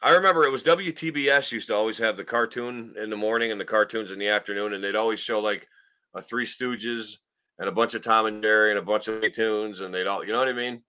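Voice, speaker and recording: A man's voice: on the low side, quick pace, pushed and bright, smooth. A man hosting a casual podcast and reacting to clips in a sweary, slangy, rambling way. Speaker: podcast host.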